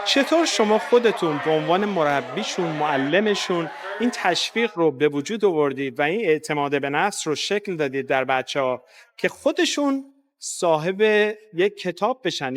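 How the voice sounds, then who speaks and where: A man's voice: a little high, expressive. A man with an Iranian Persian accent interviewing guests on location in a formal, courteous way. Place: public festival. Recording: crowd chatter at public event.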